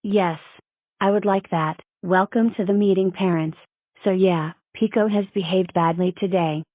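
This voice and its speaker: A woman's voice: on the low side, steady tone, moderate pace, dry recording, phone-quality sound, lightly acted. A synthetic-sounding woman voicing a stern, matter-of-fact cartoon schoolteacher with formal delivery. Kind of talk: scripted cartoon dialogue.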